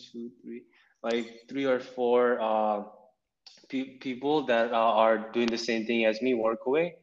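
Young man in his early twenties, from Nepal, meandering easygoing chat, muffled lo-fi remote line. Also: mid-range voice. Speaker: podcast guest. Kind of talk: casual interview chat.

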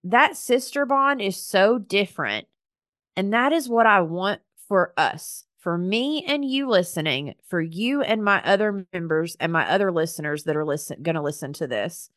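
A woman's voice: lowish voice, animated, moderate pace, fairly bright tone, dry recording, studio quality. Chatty, earnest woman podcast host. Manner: chatty and earnest, frequent "like" fillers, faith-filled encouragement. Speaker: podcast host and business coach for professional organizers. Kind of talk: casual heartfelt solo podcast monologue.

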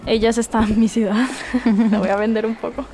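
A woman's voice: a little high, level tone, fairly quick, over loud music. A woman from Cuba with a Cuban accent, a guest explaining words patiently and laughing lightly. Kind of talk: casual chat interview.

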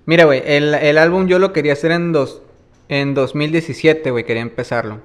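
A man's voice: fairly high pitch, brisk. A Mexican man, a music producer, talking casually as an interview guest, peppering his speech with slang fillers. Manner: relaxed slangy talk, peppered with filler words.

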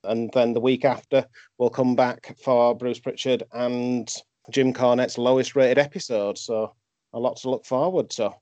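A man's voice: mid-range voice, flat delivery, unhurried, a little mellow, no room sound. A man hosting a podcast in a casual, conversational review style. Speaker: podcast host. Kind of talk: casual wrestling review chat. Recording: dull, dry lo-fi microphone.

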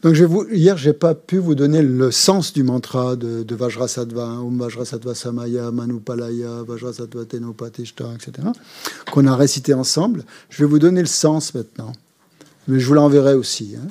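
Male Buddhist teacher, mellow voice, halting course delivery. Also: mid-range voice, steady tone. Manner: hesitant, frequent fillers and repeated words. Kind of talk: explaining a mantra in a course.

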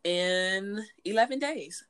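A woman in her late twenties co-hosting a podcast in casual chat, frank and quick to laugh. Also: mid-range voice, expressive, fairly bright tone, slight background noise. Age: late 20s. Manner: chatty, laughs often, frank. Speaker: podcast co-host.

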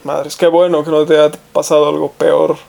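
A man's voice: fairly high pitch, level tone, vocal fry, a little mellow. A young man with a Mexican accent, chatting casually with slang and frequent swearing. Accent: Mexican Spanish. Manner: slangy, swears freely, rapid bursts. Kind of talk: casual chat.

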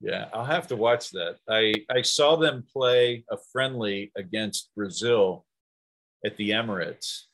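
A man's voice: fairly low pitch, a little slow, a bit bright. A man hosting a podcast interview, upbeat and enthusiastic as he asks questions. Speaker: podcast host.

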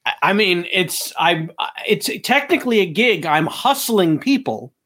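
A man's voice: sits high, very animated, measured pace, a bit bright, slightly rough. A man playing up a comic bit as a podcast guest, with exaggerated exclamations and mock despair.

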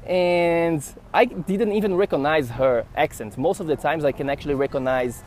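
A man's voice: fairly high pitch, moderate pace, a little hiss or hum. Brazilian-accented man telling a rambling story. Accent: Brazilian Portuguese. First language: Portuguese. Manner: animated, rambling with fillers and restarts. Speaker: podcast host. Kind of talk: casual storytelling to camera.

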